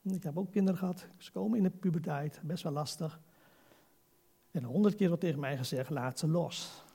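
A man's voice: a little high, normal speed, creaky, mellow, slightly rough. A man in his sixties preaching a sermon, earnest and exhorting, leaning on rhetorical questions.

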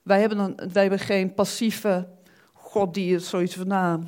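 A woman preaching a sermon in an animated way, often repeating words and acting out the thoughts she quotes. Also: medium pitch, unhurried.

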